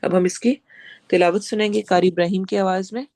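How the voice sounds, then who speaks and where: A woman with a Pakistani Urdu accent teaching recitation rules, switching between quick explanations and slow modeled readings. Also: medium pitch, steady tone, dark tone. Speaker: Quran teacher.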